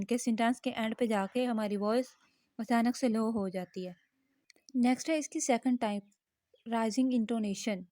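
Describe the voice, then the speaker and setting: Slightly high-voiced woman teaching linguistics. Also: warm tone, dry recording, clean studio sound. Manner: patient, repeats each point in Hindi and English; reads English example sentences slowly. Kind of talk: explanatory linguistics lesson.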